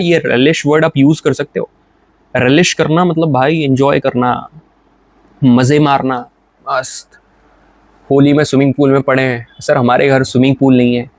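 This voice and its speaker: A young man with an Indian accent teaches vocabulary like a friendly older brother, joking between examples. His pitch sits in the middle, and the recording is dry and close. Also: no room sound. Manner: chatty, joking, brotherly, with English example sentences. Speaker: English teacher. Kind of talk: casual Hindi vocabulary lesson.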